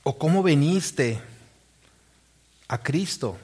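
Male pastor, slightly high voice, sermon delivery, questions to the congregation. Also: animated, slow pace, darkish tone, slightly rough. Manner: preaching with rhetorical questions to the congregation; reads scripture aloud.

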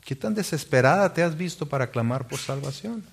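A man's voice: on the high side, lively intonation, a little fast, vocal fry, slightly rough. A male pastor preaching a sermon, reading scripture aloud and asking his congregation rhetorical questions.

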